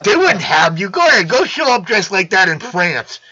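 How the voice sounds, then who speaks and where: A man's voice: sits high, big pitch swings, moderate pace, a crowd in the background. A man hosting a live stream in casual chat, blunt and wisecracking. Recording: dull lo-fi sound.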